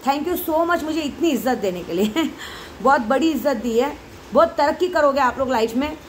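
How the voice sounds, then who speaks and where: A high-pitched woman carrying talks straight to her followers. She goes round in circles, emotional and repetitive. Faint background noise sits under her voice. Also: lively intonation, moderate pace, rough recording. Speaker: devotee leading night prayers. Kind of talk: casual monologue to followers.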